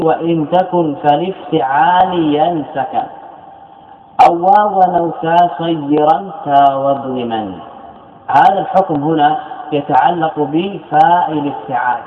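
A male scholar giving a classroom lecture, explaining a verse text and repeating each example word several times. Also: a little high. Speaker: Islamic scholar teaching grammar. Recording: echoey hall on a tinny lo-fi line with faint noise.

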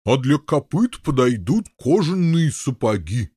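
A man voicing a gruff, grumbling elderly Norman knight in an audiobook, with a husky, blustering manner. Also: mid-range voice, big pitch swings, unhurried, dark tone, dry recording, clean studio sound. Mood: huffy. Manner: blustering, huffy protests. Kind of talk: audiobook character voice.

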